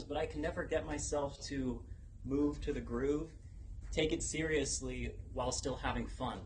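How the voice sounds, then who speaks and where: A young man delivering a rehearsed personal story as a competition speech, deliberately and dramatically, pausing for effect. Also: mid-range voice, darkish tone, low-quality recording. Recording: noticeable background noise, live event ambience.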